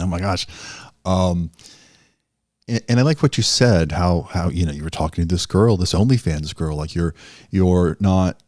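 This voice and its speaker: A man with a very deep voice speaking in a relaxed, conversational tone, now and then restarting a sentence. The sound is dry, with no room around it. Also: no room sound. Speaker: podcast producer. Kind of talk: casual discussion.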